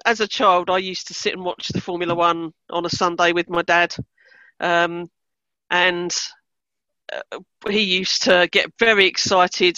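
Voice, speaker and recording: A woman's voice: fairly low pitch, pushed and bright, no echo, muffled recording. A woman with an Essex English accent chatting casually on a podcast as a Formula One fan. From Essex, England.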